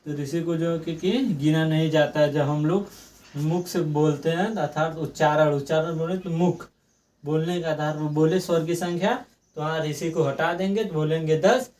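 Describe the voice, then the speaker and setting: A young male teacher with a fairly high voice, picked up from a little way off the mic. He drills exam-prep grammar, keeps circling back to the same points, and stretches sounds out slowly when he demonstrates them. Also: fairly even intonation, a little mellow, far from the mic. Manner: repetitive, asks and answers own questions.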